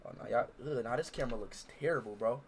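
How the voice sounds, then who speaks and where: A young man livestreaming, loud and excitable, chatting and shouting to his viewers. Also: medium pitch, fast, a little hiss or hum. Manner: excitable, shouting, talks to chat. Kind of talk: loud casual livestream chat.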